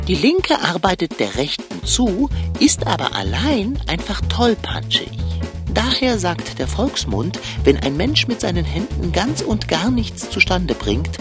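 In a children's radio play, a woman with a lowish voice plays a pompous, plump male sidekick who is forever hungry. She lectures in grand, old-fashioned phrases.

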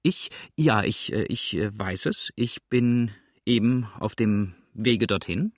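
A cocky male crook talks his way out, as a male narrator puts him on, first stumbling over his words, then brusque and defiant. The voice is low and close, recorded dry. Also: moderate pace, dry recording. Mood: stammering.

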